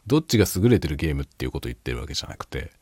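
A middle-aged man chatting alone in a quiet, hushed late-night voice, reflective and self-deprecating. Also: very deep voice, very animated, racing, slightly rough, dry recording, clean studio sound. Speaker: YouTube host. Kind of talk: casual late-night solo chat.

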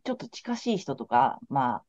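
A low, dark-toned woman talks fast in a casual podcast chat, her pitch swinging up and down as she explains tarot cards. She sounds frank and laid-back. The audio is a little muffled and lo-fi. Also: very animated. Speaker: tarot card counselor.

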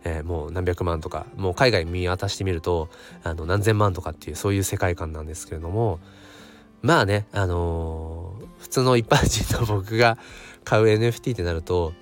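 A man with a hoarse voice hosts a casual solo audio channel, thinking aloud in a hesitant way. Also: low-pitched, moderate pace, soft background music. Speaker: host of a daily audio channel.

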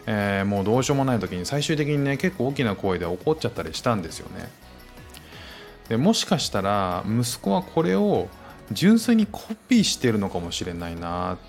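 A stay-at-home dad in his thirties hosts a casual podcast alone, speaking close to the mic in a fairly low voice. His spoken-word monologue reflects gently on parenting and is full of fillers.

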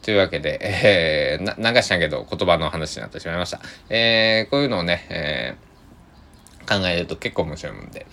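A man's voice: sits low, expressive, a little fast, bright, forceful tone, slight background noise. A man hosting a solo podcast, talking in a rambling, hesitant, chatty way with a trace of Tosa dialect. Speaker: podcast host.

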